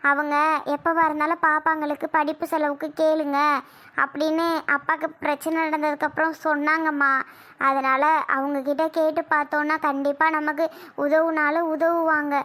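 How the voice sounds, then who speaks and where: A woman's voice: high voice, level tone, normal speed, fairly bright tone. A woman playing an earnest teenage elder daughter. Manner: earnest, persuading. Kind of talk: family drama skit.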